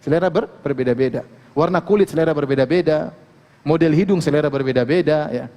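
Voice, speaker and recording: A man giving a relaxed, joking religious lecture, often asking his listeners questions. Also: on the high side, quick pace, long reverb tail. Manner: casual, joking, asks the audience questions. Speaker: Islamic preacher.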